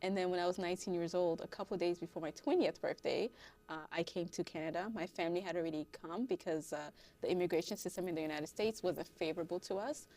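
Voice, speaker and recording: A woman in her thirties from Haiti tells her story as a guest on a talk show, laughing often as she goes. Her voice sits a little low for a woman, and her telling is lively. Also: fast talker. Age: 30s. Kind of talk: casual interview.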